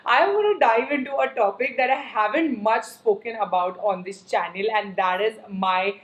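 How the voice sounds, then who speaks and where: A woman's voice: fairly high pitch, normal speed, echoey room, poor audio. A young woman with an Indian accent, chatting casually on camera as a beauty and lifestyle vlogger while she eats. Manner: chatty, mixes Hindi and English.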